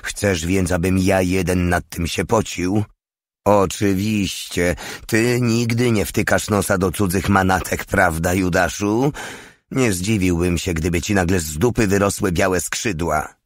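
A man's voice: low-pitched, fairly even intonation, a little slow, dry recording, studio quality. A man doing a snarling, crude soldier. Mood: angry. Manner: snarling and abusive. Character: quarrelsome male soldier, crude and accusing.

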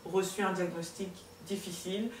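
A woman in her thirties shares her personal faith testimony as a guest on a talk show, earnest and hesitant with many restarts. Her voice is lowish with fairly even intonation at normal speed, recorded indoors on a studio set with a sofa, sounding roomy and distant with faint room noise.

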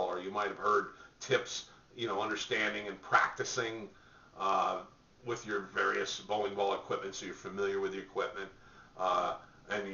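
An older man with a lowish, sharp-toned voice gives bowling practice tips straight to camera from his home office. He's a bowling coach who talks conversationally, with fillers and restarts. The webcam sound is roomy, distant and dull.

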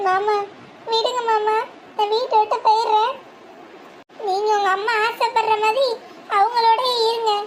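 A performer doing a meek pleading young wife. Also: female voice, very high-pitched, little pitch movement, normal speed, pauses often, a little hiss or hum. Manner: pleading, apologetic.

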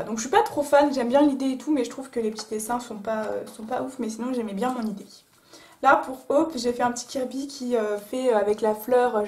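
A woman artist talking casually about her drawings, with many fillers and pauses. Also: on the high side, mellow. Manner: chatty, many fillers like euh and voilà. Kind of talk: casual chat. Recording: echoey room.

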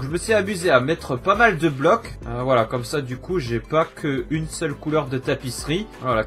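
A young man narrates a casual game tutorial in a fairly high voice. He is chatty and self-mocking, full of fillers and quick jokes. Soft music plays faintly behind him. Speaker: gaming tutorial host.

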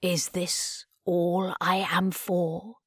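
A woman voicing a bitter, proud old male scientist in an audiobook, speaking slowly and brooding. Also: fairly low pitch, level tone, husky, dry recording, studio quality, full character voice. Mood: despairing. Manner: hushed, slow, brooding. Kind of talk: audiobook character voice.

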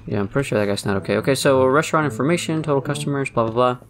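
A man's voice: mid-range voice, racing, soft background music. Frantic man narrating his gameplay. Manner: frantic, repeats words under pressure, talks to viewers. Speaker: gaming YouTuber. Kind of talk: let's play commentary.

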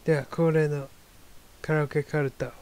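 A man's voice: on the high side, little pitch movement, normal speed, a little mellow, clean tone. A man hosting his own talk show, musing in a wry, rambling, self-deprecating casual monologue. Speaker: solo talk show host.

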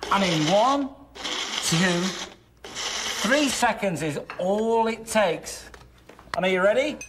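Peppy husband doing a hard sell gadget demo, emphatic, slight noise behind him. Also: male voice, high voice, expressive, slow. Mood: upbeat selling. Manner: upbeat, emphatic. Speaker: infomercial co-host. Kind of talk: hard sell ad, scripted demonstration. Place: studio kitchen set.

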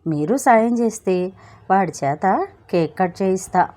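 A woman voicing Chitti, a cheeky, smooth-talking young man with a theatrical, playful way of speaking. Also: medium pitch, animated, measured pace, dark tone, natural voice.

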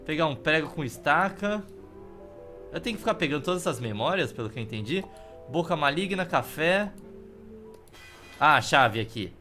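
A man's voice: fairly high pitch, expressive, moderate pace, pauses often, bright, forceful tone. A Brazilian man casually commentating a video game as he plays, with wry, offhand humour. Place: indoor room. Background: game music.

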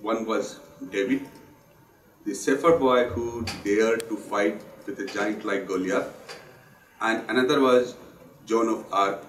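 Hoarse, husky male lecturer, low voice, earnest and measured, heard at a distance in a roomy hall. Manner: measured, earnest, with pauses and restarts. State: hoarse from a sore throat and flu. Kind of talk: formal memorial lecture. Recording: roomy hall sound, speaker off the mic.

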